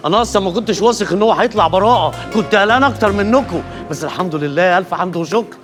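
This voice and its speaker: Pompous Egyptian lawyer, TV drama, high-ish voice, rattling speech, self-important. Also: male voice, animated, rapid-fire. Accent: Egyptian Arabic. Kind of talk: TV comedy-drama acting. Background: music score.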